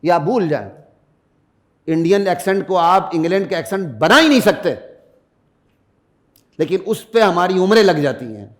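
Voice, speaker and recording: With lively intonation and long pauses, a middle-aged mufti preaches his Friday sermon emphatically, climbing to loud peaks and dropping into low asides to the congregation. He also chants Arabic verses in a melodic way.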